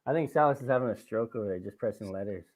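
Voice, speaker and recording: A man hosting a casual comedy podcast, teasing his guest loudly with crude jokes and frequent laughter. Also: lowish voice, racing. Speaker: podcast host.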